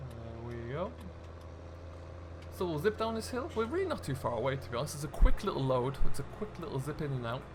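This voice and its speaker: His medium-pitched voice swings widely up and down as he speaks fairly quickly over a noisy background. The man, a gaming video creator hosting a casual let's-play, chats easily with viewers while playing a farming game.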